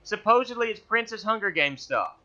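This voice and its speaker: Speaking briskly in a high, sing-song, sharp-toned voice, a gaming channel host rambles through a casual let's-play, stammering and restarting again and again while he plays. A headset gaming mic records it with dull, lo-fi quality.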